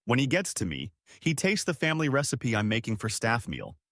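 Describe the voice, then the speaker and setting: A man narrating scripted stories in a lively storytelling manner, recorded close to the mic. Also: fairly quick, dry recording. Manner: lively storytelling with big pitch swings.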